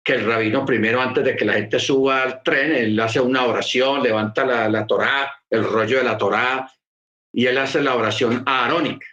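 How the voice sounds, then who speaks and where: A man's voice: medium pitch, fairly even intonation, moderate pace, pushed and bright, echoey room, dull audio. A man preaching a sermon, explaining patiently and repeating key phrases for emphasis. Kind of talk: sermon teaching.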